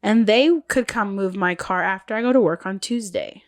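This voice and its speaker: Speaking at a moderate pace in a medium-pitched voice, a podcast co-host casually reads out revenge stories, frequently breaking into laughter. She is coming down with a cold, which makes her sound nasal.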